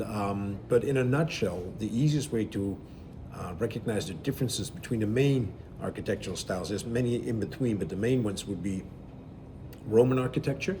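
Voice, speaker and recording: Low-voiced man, noisy ship interview. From Belgium. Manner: relaxed, explanatory, with frequent fillers. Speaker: cruise director. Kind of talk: conversational interview answers. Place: aboard a river cruise ship.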